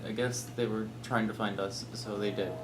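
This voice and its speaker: A tabletop game player who speaks in a hesitant, measured way. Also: mid-range voice, little pitch movement, reverberant, crowd noise. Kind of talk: casual tabletop game chat. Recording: noisy background.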